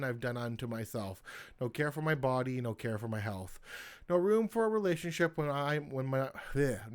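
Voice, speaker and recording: Reading his own poems on the poetry channel he hosts, this medium-pitched man keeps things casual. Any stumble sends him back to the start of the line.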